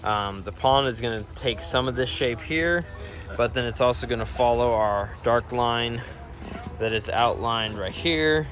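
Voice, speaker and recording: Outdoors at a backyard pond construction site, a man hosts a project video as a builder, giving an upbeat, informal walkthrough. His voice is medium-pitched, unhurried and fairly bright, with soft music behind him. The site is noisy, with vehicles and ambient sound.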